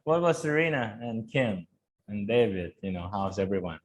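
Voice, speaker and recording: A man's voice: on the low side, animated, fairly quick. A man with a Thai accent leading an online training session, chatting informally and switching between Thai and English.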